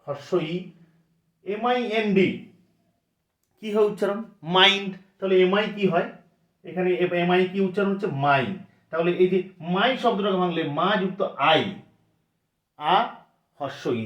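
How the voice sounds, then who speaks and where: A man teaching a lesson who says sounds over and over and asks questions that he answers himself. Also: on the high side. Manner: repeats sounds slowly, asks and answers his own questions. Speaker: English teacher. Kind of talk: classroom lesson. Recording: roomy echo.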